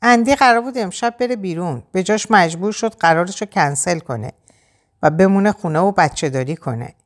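A woman's voice: fairly low pitch, pitched above the performer's own voice, close to an everyday voice. A woman voicing a harried male bar manager who stammers and restarts his sentences. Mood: irritated.

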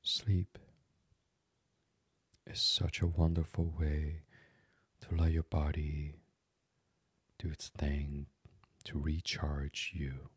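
With a deep, breathy, monotone voice, a meditation podcast host guides listeners toward sleep in ASMR fashion. He talks very slowly and quietly, hushed and calming, often nearly whispering. The sound is close-miked and dry, free of any room sound.

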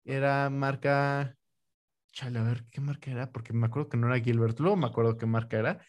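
A man's voice: medium pitch, steady tone, brisk, darkish tone. A man with a Mexican Spanish accent, chatting casually and joking with slangy banter. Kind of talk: casual chat.

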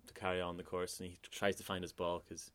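A man, a musician, chatting casually in an interview, relaxed and hesitant with many fillers. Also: low voice, quick pace. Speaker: musician guest.

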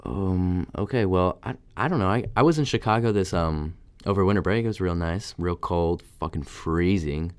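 A man's voice: sits low, normal speed, hardly any pauses, clean tone, no room sound. A young man co-hosting a casual podcast while sick, laid-back and hesitant, stumbling through fillers. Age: young adult. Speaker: podcast co-host. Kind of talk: casual chat between friends.

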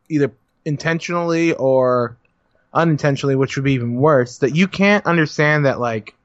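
Co-host, male, slightly high voice, blunt and swearing, dry lo-fi recording. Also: no echo. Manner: blunt, profane, heated. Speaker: podcast co-host. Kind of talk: casual podcast chat. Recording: dry, dull lo-fi sound.

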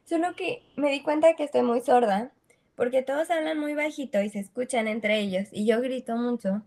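A young Mexican woman with a Mexican Spanish accent chats freely and slangily as a podcast guest, laughing easily. Her voice is a little higher than most and a little mellow, at a moderate pace.

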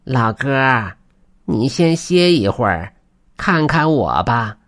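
A man doing a slow, coaxing weasel spirit. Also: mid-range voice, big pitch swings, a bit bright, voice pushed up, full character voice. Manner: slow, coaxing, drawn-out asking. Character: cunning male weasel spirit begging to be called human.

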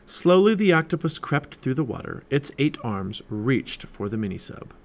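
A man reading a children's chapter book aloud as a parent, in an animated storytelling way. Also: medium pitch, moderate pace.

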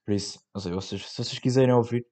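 A young man with a European Portuguese accent rambles through his solo podcast in loose slang, full of fillers and the odd swear word. His voice sits low and comes across dark and mellow. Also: racing. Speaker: podcast host. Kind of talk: casual solo podcast chat.

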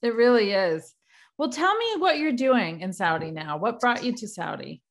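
A woman's voice: on the high side, expressive, moderate pace. Effusive woman hosting an interview. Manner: warm and effusive, welcoming. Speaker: podcast host. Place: New York.

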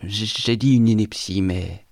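A man's voice: fairly low pitch, unhurried, a little mellow, dry recording, studio quality. A man reading aloud, voicing a bitter young intellectual who talks in a feverish, exalted monologue.

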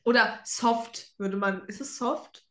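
A young woman with a fairly high voice chats casually as a podcast co-host. She mixes English words into her German as she talks. The recording is roomy, with clear echo around her voice. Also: fairly even intonation, takes it slowly, a bit bright. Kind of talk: casual fan chat. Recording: roomy, echoey sound.

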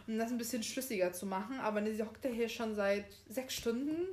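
A young woman in casual chat, retelling a story scene by scene, quick to correct herself and laughing easily. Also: fairly high pitch, darkish tone, slight background noise. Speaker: podcast co-host reading a book aloud.

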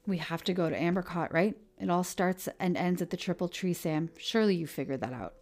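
A woman's voice: on the low side, brisk, darkish tone, close to an everyday voice. A woman reading an audiobook, voicing a distraught teenage boy who speaks in an urgent, pleading, emotional way. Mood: frantic. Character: distraught teenage boy, desperate for his friend. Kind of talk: audiobook character voice.

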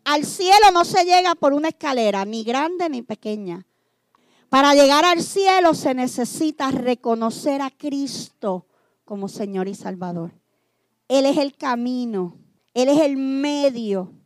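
A woman preacher giving a sermon in a church, driving her points home with repeated refrains and swinging between loud declarations and hushed lines. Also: high voice, animated, unhurried, no echo.

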